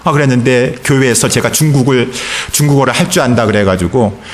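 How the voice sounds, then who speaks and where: A middle-aged man, a pastor, preaching a sermon in church, telling a personal story in an earnest, unhurried way with pauses. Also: mid-range voice, a little hiss or hum.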